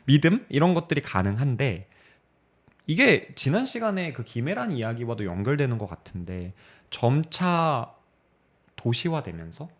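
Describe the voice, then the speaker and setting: A young man co-hosting a talk podcast, reasoning aloud in a measured, reflective way. He pauses often to find words, and his pitch moves a lot as he makes his points. His voice sits in an ordinary middle register. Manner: thoughtful, measured, pauses with filler sounds. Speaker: podcast co-host. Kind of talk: casual discussion of literature.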